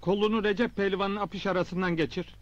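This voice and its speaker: A man's voice: high-pitched, fairly even intonation, fairly quick, dull audio, natural voice. A man in his forties playing an earnest, stubborn newspaper reporter in a comedy film, speaking in an emphatic, instructing way. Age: 40s.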